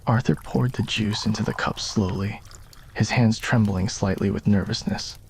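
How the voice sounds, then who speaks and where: A man with a fairly low, creaky voice reads a scripted romantic story as an ASMR roleplay. His intonation stays fairly even at a moderate pace, and there's a little hiss or hum.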